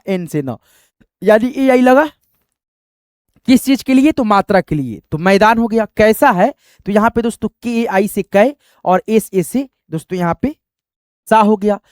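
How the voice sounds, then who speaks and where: A man's voice: high-pitched, lively intonation, moderate pace, dry recording, clean studio sound. A man teaching a spoken lesson, patiently spelling out letters one by one.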